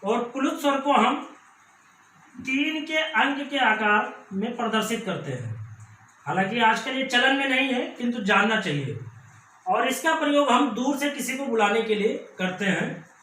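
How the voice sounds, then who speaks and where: High, bright-voiced man teaching in an echoey room. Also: lively intonation, far from the mic. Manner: slow, repetitive explaining. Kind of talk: Hindi grammar lesson.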